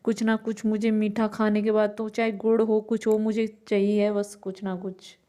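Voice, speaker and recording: Tired mom vlogger, even and mellow, rambles through chores in a home kitchen. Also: female voice, mid-range voice, normal speed. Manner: rambling, talks on while doing chores. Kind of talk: casual chatty home vlog narration.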